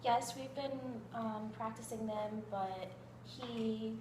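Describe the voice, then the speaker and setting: A woman's voice: on the high side, slow pace. A woman playing the worried mother of a troubled son in a conversational amateur role-play. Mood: concerned. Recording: echoey room with clear background noise.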